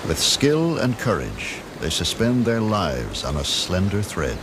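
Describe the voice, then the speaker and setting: A man reading scripted nature documentary narration in a measured, dramatic storytelling manner. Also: sits low, wildly swooping pitch, heavy background noise. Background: music.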